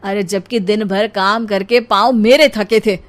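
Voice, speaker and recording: A woman's voice: medium pitch, steady tone, a little slow, close to an everyday voice. Woman doing a grumbling young husband. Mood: complaining. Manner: grumbling, exasperated. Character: tired, complaining young husband.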